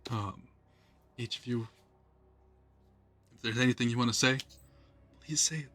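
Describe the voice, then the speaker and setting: A man's voice: medium pitch, measured pace, fairly bright tone. A man hosting a live stream as game master, thanking players and viewers with frequent fillers. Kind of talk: closing remarks on a live stream.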